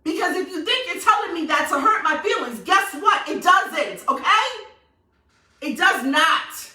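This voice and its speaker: This New York woman, a vlogger, has a very high voice and talks a little slowly as she rants sassily and passionately to camera, leaning on emphatic repetition. She sits far from the mic in a roomy-sounding space.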